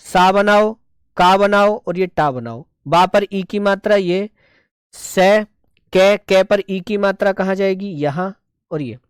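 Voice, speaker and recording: Patient shorthand teacher, clear voice. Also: male voice, high-pitched, no echo, clean studio sound. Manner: patient step-by-step explaining, often checking "ठीक है". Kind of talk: online class lesson.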